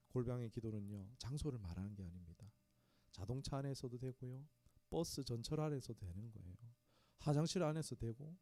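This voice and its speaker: A man's voice: on the high side, mellow, dry recording. A male pastor giving a conversational sermon to his congregation in a small church. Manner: conversational preaching, talks straight to the congregation.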